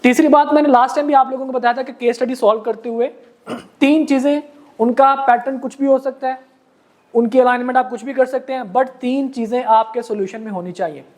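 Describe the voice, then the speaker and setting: A man's voice: extremely high pitch, steady tone, darkish tone. A man with a Pakistani accent teaches a law class. He explains carefully and patiently, calling his students beta and janab. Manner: explains slowly, reads case text word by word. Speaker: law lecturer. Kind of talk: classroom lecture.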